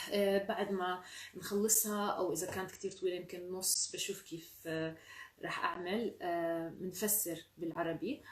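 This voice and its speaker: A woman with a Levantine Arabic accent hosting a children's storytime, chatty and encouraging. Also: on the low side. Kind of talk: reading aloud to children. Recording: roomy sound from a distant mic.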